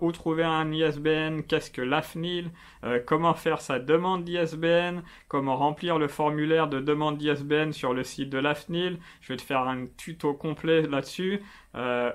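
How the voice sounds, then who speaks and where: A man with a slightly high voice hosts a casual explainer on self-publishing. He talks in a chatty, familiar way, tutoring the viewer directly. His speech is full of little fillers. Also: smooth. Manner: chatty, familiar, many fillers like euh and bah. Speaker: self-publishing video host.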